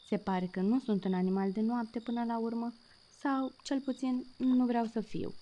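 A woman's voice: fairly high pitch, steady tone, dark tone, voice pushed up, close to an everyday voice. A woman voicing a cheerful, proud little male kitten who mispronounces words in a childlike way. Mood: sweet.

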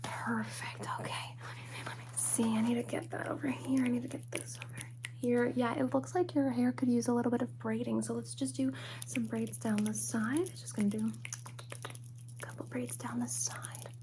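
A young woman whispering softly and slowly in a personal-attention ASMR roleplay, close to the microphone. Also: fairly high pitch, steady tone. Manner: soft whispering, slow and close. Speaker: ASMR creator. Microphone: close sensitive mic.

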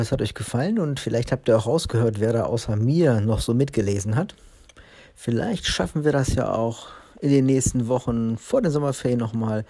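A man's voice: medium pitch, warm tone, breathy edge. A man, apparently a teacher, reading a children's book aloud expressively and then chatting casually.

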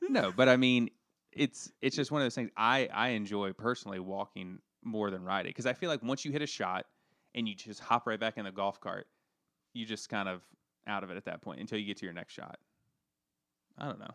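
A man's voice: lowish voice, brisk, a bit bright, dry recording, studio quality. A man co-hosting a casual podcast chat, rambling with lots of fillers and poking fun at himself. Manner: rambling, filler-heavy, self-deprecating. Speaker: podcast co-host.

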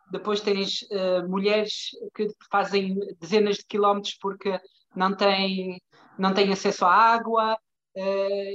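A woman with a European Portuguese accent talks as an interview guest, in a mid-pitched voice. She explains in a conversational way, pausing to find words and adding checking tags. The sound is dull and lo-fi, like an online call. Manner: hesitant, searching for words, frequent checking tags. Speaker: interview guest, development bank professional.

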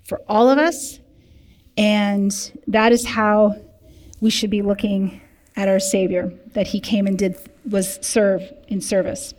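A woman leading a recovery group, teaching in a lively way and speaking directly to the room with humor. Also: mid-range voice, takes it slowly. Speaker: recovery program leader. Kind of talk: sermon teaching. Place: church meeting room. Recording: long hall reverb.

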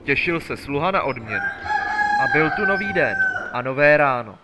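A man narrating a fairy tale in a measured, storytelling manner. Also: fairly high pitch, expressive, heavy background noise. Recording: loud background music.

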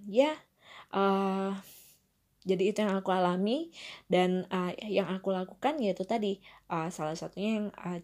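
A young woman calmly sharing a personal story in a casual monologue, with many fillers and asides. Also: fairly low pitch. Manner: reflective, frequent fillers and asides.

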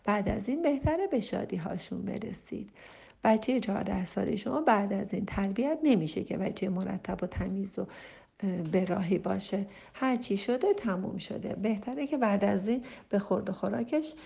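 A middle-aged woman counselor talks through parenting advice in a direct, motherly way, repeating her points for emphasis. Her voice is gravelly and dark, with a husky edge. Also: mid-range voice. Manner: direct, repetitive, motherly admonishing. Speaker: family counselor answering a parent's question. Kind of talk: advice talk.

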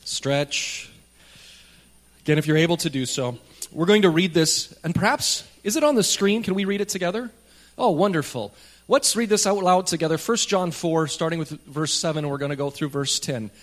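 A man's voice: on the high side, animated, moderate pace. A man preaching a sermon at a pulpit microphone in a church, speaking in a plain, conversational way with light jokes for the congregation. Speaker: pastor. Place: church sanctuary.

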